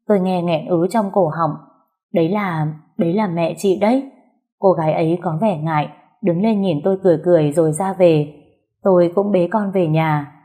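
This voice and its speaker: A woman narrating a first-person family story in a calm, heartfelt way. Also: fairly low pitch.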